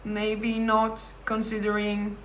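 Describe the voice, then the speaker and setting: A woman giving a pick-a-card tarot reading, talking thoughtfully with pauses and self-corrections. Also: mid-range voice, monotone, a bit bright, echoey room, a little hiss or hum. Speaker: tarot reader.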